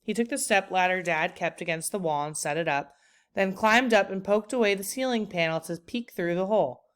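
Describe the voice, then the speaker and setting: A woman with a mid-range voice reads a children's book aloud the way a teacher would. Her storytelling is expressive and deliberate.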